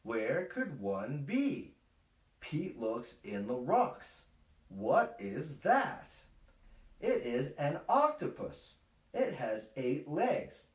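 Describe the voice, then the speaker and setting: Reading a children's picture book for young kids, a dad speaks very slowly and deliberately, his pitch swinging in lively, expressive ways and his phrasing kept simple. He sits a little away from the mic in a small, echoey room at home, so the home-camera recording comes across roomy and distant.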